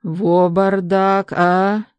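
A furious, blustering middle-aged man, voiced by a woman reading a story aloud, rants at staff with pushed, loud delivery. The tone is dark and the room is dry. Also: medium pitch, little pitch movement, drawn-out words, clean tone, no echo. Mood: indignant yelling. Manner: blustering, shouting, threatening. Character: loud indignant middle-aged male resort guest.

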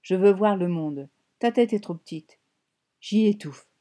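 A woman's voice: medium pitch, animated, unhurried, dark tone, lightly acted. A woman reading an audiobook, voicing a bossy, scornful sister who lives as a voice inside a girl's head and speaks in a hammering, mocking way.

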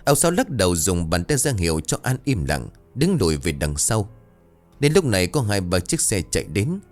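A man narrating a ghost story in a steady, measured storytelling voice. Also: low-pitched, faint music behind.

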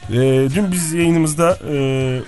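A man's voice: a little high, slow pace, a little mellow, soft background music. A man co-hosting a morning radio show, chatting casually with dry, teasing remarks and frequent laughter. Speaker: radio co-host.

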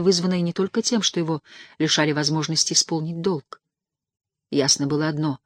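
An audiobook narrator reading a classic novel in a measured, even storytelling manner. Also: mid-range voice, no room sound, clean studio sound.

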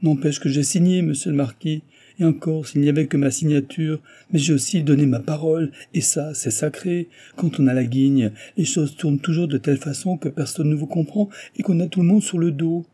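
A man's voice: medium pitch, quick pace, few pauses, mellow, husky, pitched above the performer's own voice, lightly acted. A man voicing a lovesick, glum Breton valet in an audiobook, talking plaintively. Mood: lamenting.

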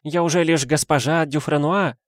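A man voicing a haughty, sharp-tongued young married lady in an audiobook, with a scornful, imperious manner. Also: fairly high pitch, fairly even intonation, normal speed, no room sound, studio quality, voice pushed up, natural voice. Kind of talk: audiobook character voice.

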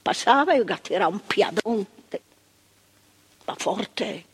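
Playing an indignant older woman who once worked on a psychiatric ward, an actress delivers a stage monologue in a husky mid-range voice with lively intonation, a little slow. She tells her memories vividly, sinking to hushed tones, then erupting emphatically.

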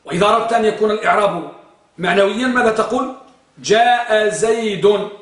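A man's voice: high-pitched, racing, a bit bright. A man teaching a grammar class, quizzing his students and repeating their answers. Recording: echoey room, far from the mic.

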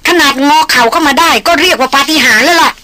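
A woman's voice: high-pitched, very fast, bright, forceful tone, voice pushed up. A woman voicing a worried young male expedition member who cautions others. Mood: cautioning.

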